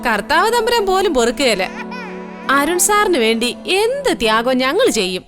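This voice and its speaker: A woman's voice: high-pitched, huge pitch swings, normal speed, over loud music. An actress playing a bossy but caring middle-aged housewife who scolds her husband and grumbles in a serial drama. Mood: tender. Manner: scolding, grumbling, then tender. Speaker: Annamma, a housewife caring for a sick young mother.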